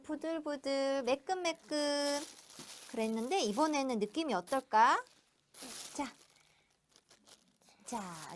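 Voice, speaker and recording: A woman's voice: on the high side, slight background noise. A woman teaching a young child to cook, talking in simple, encouraging, sing-song phrases with playful repeated sound words. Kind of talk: hands-on cooking lesson with a young child.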